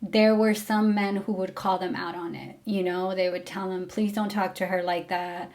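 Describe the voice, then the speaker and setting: A young Mexican woman who used to drive for a rideshare service tells casual, frank stories to the camera about that job, peppering her speech with fillers. Her voice is medium-pitched and a little mellow, with a flat delivery at normal speed.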